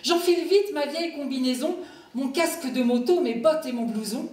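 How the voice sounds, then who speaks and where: A woman performing poems in a slow, expressive recitation, sometimes singing them, at an evening event. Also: high voice. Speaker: poetry performer. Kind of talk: poetry recital with piano. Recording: echoey hall from far off, piano behind.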